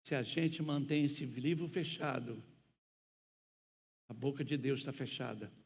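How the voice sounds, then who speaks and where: Slow-preaching pastor in echoing church. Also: male voice, mid-range voice, creaky, husky. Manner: preaching with slow emphatic pauses, rising to shouts. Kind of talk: sermon. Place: church sanctuary. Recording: church hall reverb.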